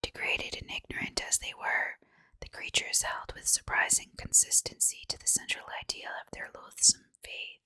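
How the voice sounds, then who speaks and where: A woman narrates a horror tale in a soft ASMR whisper with no voiced tone. The sound is very crisp and sibilant, close to the mic in a dry space. Her phrasing is hushed and deliberate. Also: dry recording. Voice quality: breathy, unvoiced whisper. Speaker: ASMR story reader.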